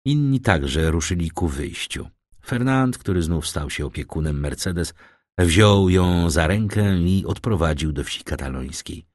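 A man reads a classic novel aloud in a measured, expressive way. His voice is very low but moves through a wide, lively range. The recording is dry and close, with no room sound. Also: dry recording. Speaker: audiobook narrator. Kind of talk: scripted narration of a classic novel.

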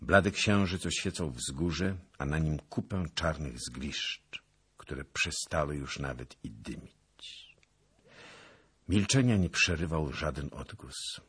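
A man narrating an audiobook in a dramatic, expressive reading style. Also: a bass voice, slow, breathy edge. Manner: expressive, swelling with the action.

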